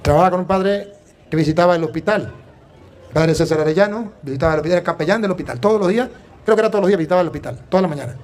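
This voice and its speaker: Here is a man from Venezuela, a priest, whose high voice moves quickly as he preaches. Animated and emphatic, he spins anecdotes filled with quoted dialogue.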